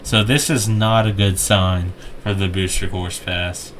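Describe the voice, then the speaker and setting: A man's voice: deep voice, steady tone, unhurried, fairly bright tone, slight background noise. A young man chatting casually while ranking game tracks, rambling with lots of restarts and jokey asides. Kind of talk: casual gaming chat.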